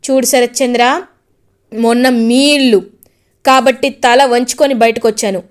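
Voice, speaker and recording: A woman's voice: on the high side, steady tone, moderate pace, lightly acted. A woman voicing a defiant young man who taunts and insists he is right.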